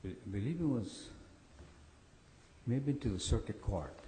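A man with a hoarse, cold-affected voice giving a formal oral argument as an attorney in court. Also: on the low side, animated, a little slow, mellow. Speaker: attorney arguing for respondents. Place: large echoey courtroom. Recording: echoey hall, faint background noise.

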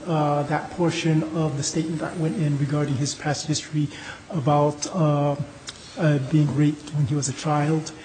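A man speaking as a lawyer in oral argument, with halting, hedging, informal phrasing. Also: fairly high pitch, warm tone. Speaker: lawyer arguing an appeal. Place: indoor courtroom. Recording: echoey courtroom, faint noise.

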